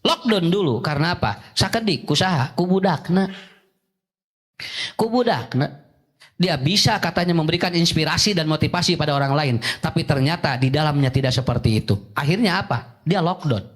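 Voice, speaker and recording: A man's voice: a little high, expressive, moderate pace. A middle-aged man with a Sundanese accent giving a sermon to parents, acting out little parent and child dialogues. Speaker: preacher.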